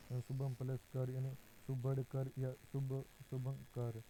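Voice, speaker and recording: A man teaching an exam-prep grammar lesson, working through examples slowly and methodically, often pausing on a drawn-out "a". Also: mid-range voice, warm tone, a little hiss or hum, low-quality recording. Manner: slow, methodical, fills pauses with drawn-out "a".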